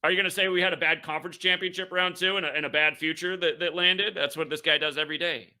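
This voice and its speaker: Bright-voiced man ranting on his show. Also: fairly high pitch, steady tone, quick pace, clean tone. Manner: repetitive, aggrieved ranting with frequent profanity; stammers and repeats words. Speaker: online sports betting show host. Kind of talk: casual livestream monologue.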